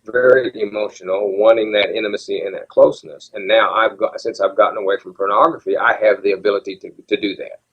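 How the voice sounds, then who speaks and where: A man's voice: on the low side, fairly even intonation, fast, few pauses, slightly rough. Earnest older man in his seventies. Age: 70s. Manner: earnest, reflective, frequent restarts. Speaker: guest. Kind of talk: candid interview talk. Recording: dull lo-fi audio.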